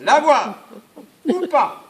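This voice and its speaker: An actor playing a blustering, roguish old knight in a stage comedy, mocking and glib. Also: male voice, very high voice, very animated, drawn-out words, echoey room, full character voice. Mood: mocking, sly. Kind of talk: theatrical stage comedy acting. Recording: noisy stage recording.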